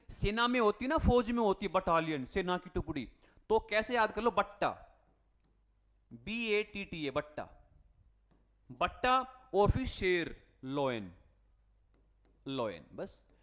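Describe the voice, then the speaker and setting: A man leads a spelling lesson for exam students, his voice sitting fairly high for a man. He spells words out letter by letter and keeps asking his class questions before answering them himself. He speaks in a friendly coaching tone, calling his students "beta" and "bhai". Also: very animated, a little slow, pauses often, a bit bright. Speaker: English teacher.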